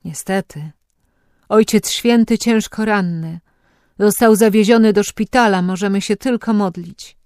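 A woman's voice: medium pitch, a little slow, darkish tone, smooth, no echo, studio quality, voice pushed up, lightly acted. Woman doing a grave churchgoing neighbor woman. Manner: grave, urgent.

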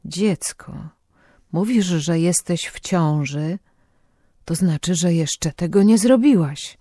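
A man reading aloud and voicing a patient, gentle priest who speaks softly and calmly to a penitent. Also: fairly high pitch, slow, no echo, clean studio sound. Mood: gentle, fatherly. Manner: calm, soft, fatherly. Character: patient, gentle old Franciscan priest hearing confession.

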